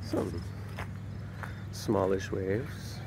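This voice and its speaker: A man talks casually to his dashboard camera as he drives, his voice sitting a little low. He is chatty and wry, and loud road noise runs under everything he says. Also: very slow, gravelly. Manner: chatty, wry, sings to himself. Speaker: vlogger. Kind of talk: casual narration while driving. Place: inside a car, then outdoors by a lake.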